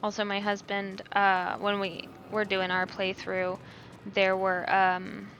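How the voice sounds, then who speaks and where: A woman's voice: mid-range voice, completely flat delivery, takes it slowly, a bit bright, slight background noise. A woman giving casual, chatty gameplay commentary as she hosts her own playthrough. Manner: chatty, reads choices aloud. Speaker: gamer, playthrough host.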